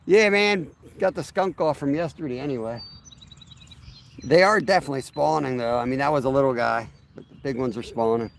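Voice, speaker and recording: A man of ordinary pitch hosts a casual fishing vlog from a riverbank. He talks in a relaxed, easygoing way and addresses his viewers directly, with faint outdoor noise behind him. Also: a little fast, vocal fry. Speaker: fishing channel host.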